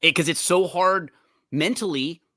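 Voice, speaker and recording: A man hosting a podcast, chatting casually and quickly about basketball, often restarting his sentences. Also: fairly high pitch, bright, forceful tone, no echo, clean studio sound. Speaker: podcast host. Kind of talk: casual sports chat.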